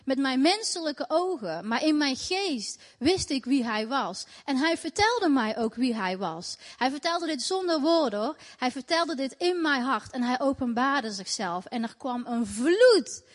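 High-voiced woman giving emotional testimony. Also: expressive, measured pace, hardly any pauses. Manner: earnest, emotional storytelling with repeated phrases. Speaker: testimony speaker. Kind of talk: personal faith testimony. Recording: echoey hall with long reverb.

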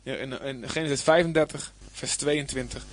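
A man's voice: medium pitch, fairly even intonation, normal speed. A man preaching a Bible lesson, reading scripture aloud and then explaining it plainly, with emphasis and some hesitant fillers. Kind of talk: Bible teaching.

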